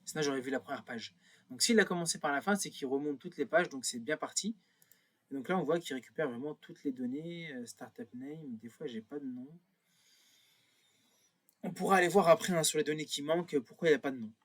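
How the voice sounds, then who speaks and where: A man talks through a screen-recorded tutorial in a slightly husky voice. He thinks aloud as he clicks, filling pauses and correcting himself as he goes. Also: fairly high pitch. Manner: thinks aloud while clicking, many fillers and self-corrections. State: a bit nervous. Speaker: instructor.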